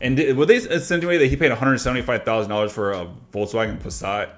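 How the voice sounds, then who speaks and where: Fast-talking man in casual chat. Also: mid-range voice, soft background music. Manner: fast, animated, swears casually, mimics characters' lines. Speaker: reaction channel co-host.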